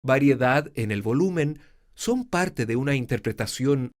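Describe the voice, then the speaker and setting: A man giving a lecture on preaching, speaking in a clear, measured teaching manner. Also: lively intonation. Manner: demonstrates pitch and volume shifts, swinging from soft to loud. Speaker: preaching instructor. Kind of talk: homiletics lecture with spoken demonstrations.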